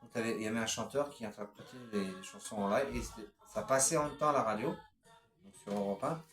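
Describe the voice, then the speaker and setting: A man's voice: fairly low pitch, fast talker, a bit bright, reverberant, soft background music. A man in a casual home video showing his CD collection, talking hesitantly with many fillers as he lists song titles. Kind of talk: casual unscripted collection vlog.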